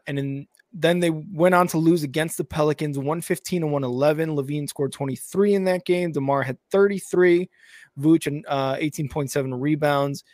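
Upbeat male host on a sports show, fairly high voice, dry sound. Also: dry recording. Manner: upbeat, laughs easily. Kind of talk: casual sports podcast chat.

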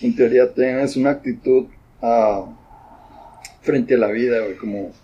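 A young man with a Mexican accent, talking in a relaxed, slangy casual chat. His voice is mellow and dark, with a husky edge. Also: medium pitch, unhurried, highs cut off. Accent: Mexican Spanish. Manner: laid-back, slangy.

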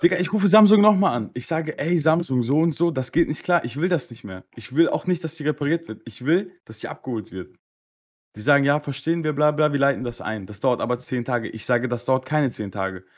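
A man with a voice in the middle of the male range tells a story on a casual live-streamed podcast. He talks in a slangy, animated way and plays out each side of a phone call. It sounds like laid-back chat between friends. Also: medium pitch, brisk. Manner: animated, slangy, acts out both sides of dialogues. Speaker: podcast host.

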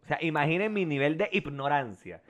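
A man's voice: fairly high pitch, a little fast. A man with a Venezuelan accent, co-hosting a podcast and telling stories in slangy casual chat. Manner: slangy and animated storytelling. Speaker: podcast co-host.

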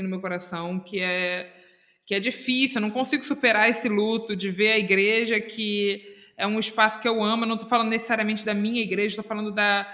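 A woman's voice: medium pitch, sharp tone. A woman, a podcast guest speaking earnestly in casual chat and repeating words for stress.

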